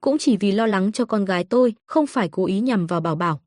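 A woman's voice: medium pitch, animated, a little mellow, dry recording, studio quality, natural voice. A woman reading as a fawning, sorry mother. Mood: apologetic. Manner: apologetic, hurried. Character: humbled, fawning young mother.

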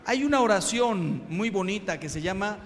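A middle-aged Mexican man, a priest, giving a humorous sermon with lively, punchy storytelling in a hall. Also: high voice, moderate pace. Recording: long hall reverb.

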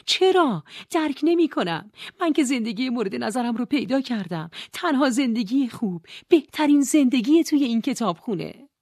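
A woman reading an audiobook, voicing a desperate young woman who pleads urgently in a raised, high voice. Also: animated, hardly any pauses, darkish tone, dry recording, studio quality.

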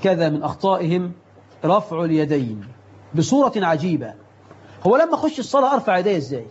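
A man with an Egyptian Arabic accent preaches a religious lesson on prayer, full of rhetorical questions. He switches between formal classical speech and everyday colloquial speech. His voice sits high, and the audio is a little dull and lo-fi. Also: big pitch swings, fast talker, darkish tone.

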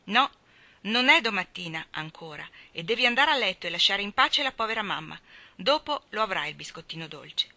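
A woman's voice: medium pitch, sing-song, a little fast, pushed and bright, no room sound, full character voice. A woman reading as a sweet young mother. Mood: coaxing. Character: young gentle mother, tender and lively. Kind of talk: audiobook reading.

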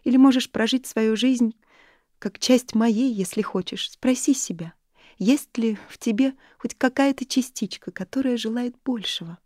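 A soft, tender friend, put on by a woman reading a novel, her voice lifted and kind. It has a warm, mellow color. The recording is dry and close. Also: on the high side, normal speed, no room sound, voice pushed up, close to an everyday voice. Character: gentle, affectionate older woman friend. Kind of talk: audiobook character reading.

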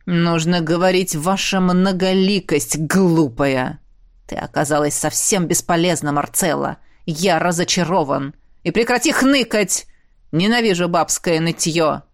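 A woman voicing a cruel, cold-hearted male emperor who wields ice magic. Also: a little slow. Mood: cold menace. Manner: low, cold and menacing.

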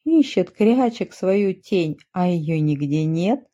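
A woman storyteller reading animal tales for children in a gentle, expressive way. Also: fairly low pitch, slow. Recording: muffled dull recording.

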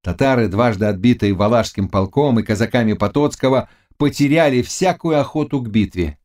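A man reading a classic novel aloud as an audiobook narrator, in a dramatic, measured manner. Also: medium pitch, darkish tone. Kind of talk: scripted literary narration.

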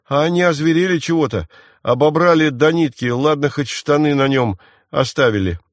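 A man's voice: a little high, no room sound, clean studio sound, pitched above the performer's own voice, natural voice. A man reading an audiobook voices a frightened, defiant boy thief who whines and snaps back. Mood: wary. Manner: squabbling, whining, quick to snap back. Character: scrappy scared boy thief, defiant and whiny.

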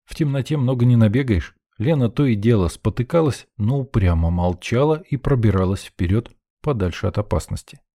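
A man narrating an audiobook in the first person, with a gruff, sardonic manner. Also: mid-range voice, animated, brisk, few pauses, mellow, dry recording, studio quality.

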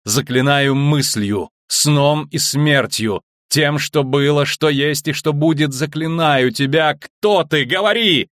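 A man voicing a proud young sorceress in an audiobook, loud and urgent. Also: fairly high pitch, takes it slowly, hardly any pauses, dry recording, studio quality, voice pushed up. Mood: commanding. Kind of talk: audiobook reading.

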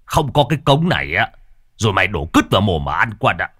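Man doing gruff crude middle-aged father, blunt, low voice, lively delivery, dry close sound. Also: dry recording, exaggerated voice. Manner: crude, blunt, quick-talking.

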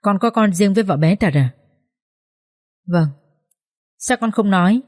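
A woman voicing a sharp-tongued older village mother-in-law in a storybook reading, scolding and shrill. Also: expressive, unhurried. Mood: eager.

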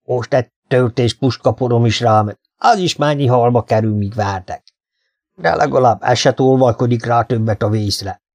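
A man's voice: mid-range voice, darkish tone, no room sound, natural voice. A man voicing a surly, grumbling old marsh fisherman. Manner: gruff and scornful. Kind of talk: audiobook character voice.

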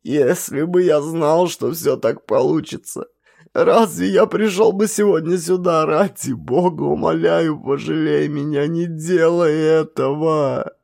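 A man's voice: a little high, a little slow, vocal fry, a little mellow, pitched above the performer's own voice. A man voicing a cowardly male village thief who begs and whines tearfully in a storybook reading. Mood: tearful pleading. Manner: whining, begging and tearful.

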